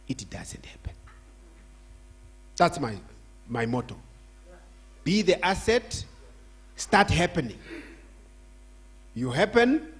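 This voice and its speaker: A man's voice: medium pitch, slightly rough. An older man from Zambia giving an emphatic church address as guest speaker, repeating his phrases with rising force.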